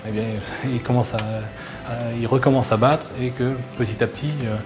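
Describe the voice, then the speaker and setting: Male technician interviewee, brisk pace, mid-range voice, music behind. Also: medium pitch, steady tone. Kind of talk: explanatory interview. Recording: music under the voice.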